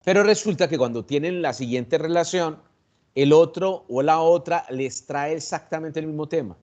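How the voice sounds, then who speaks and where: Measured Colombian man explaining calmly. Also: on the high side. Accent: Colombian Spanish. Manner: reflective, measured, with pauses and restarts. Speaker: psychologist guest. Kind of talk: explanatory talk on anxiety. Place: online video session.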